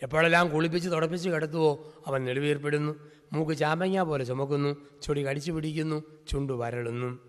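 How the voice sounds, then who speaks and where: A male priest delivers a storytelling sermon in a fairly high voice, stacking up vivid scenes in rhythmic lists. His words ring out with a long reverberant tail, as if recorded in a large hall. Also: fairly even intonation, a little fast.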